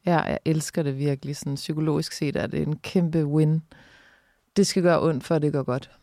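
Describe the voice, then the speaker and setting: A woman journalist speaking as a guest in an interview, frank and lively in her talk. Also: low voice, gravelly, no room sound, studio quality. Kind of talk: casual conversational interview.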